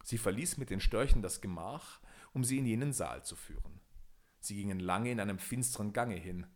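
A man narrating a fairy tale audiobook in a measured, expressive storytelling manner. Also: on the low side.

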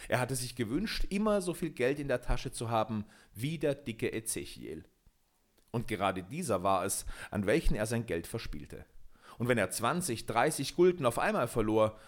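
A man narrating a fairy tale with a measured, expressive reading. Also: fairly low pitch.

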